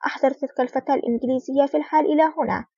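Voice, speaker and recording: A woman puts on a cunning female crime boss, soft-spoken with a cold threat under every word. The delivery is fast and slightly husky. The recording sounds dull and lo-fi. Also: fairly high pitch, steady tone, no room sound. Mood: menacing. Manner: soft-spoken with a menacing edge.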